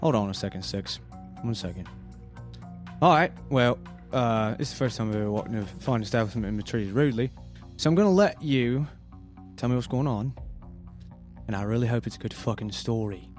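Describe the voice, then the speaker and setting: A man's voice: medium pitch, lively intonation, brisk, faint music behind. A man playing a tabletop role-playing game, talking casually in and out of character in a blunt, sweary way.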